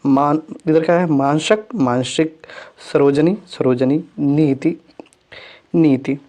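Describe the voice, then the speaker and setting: A man's voice: on the high side, fairly even intonation, slow, warm tone. A male teacher giving an exam-prep lesson, reading out correct and incorrect spellings, repeating each word twice and correcting himself as he goes. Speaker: Hindi grammar teacher.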